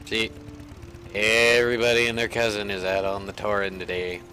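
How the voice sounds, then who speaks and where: Low-voiced man rambling over gameplay. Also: completely flat delivery, moderate pace, bright, forceful tone. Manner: rambling, self-mocking, chatty. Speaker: let's play gamer. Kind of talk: casual gameplay commentary.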